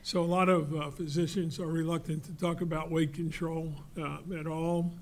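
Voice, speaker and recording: An older man on a studio panel, explaining in a measured, halting way with many fillers. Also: fairly high pitch, flat delivery, slight background noise. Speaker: cancer researcher on a panel. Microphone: desk mic.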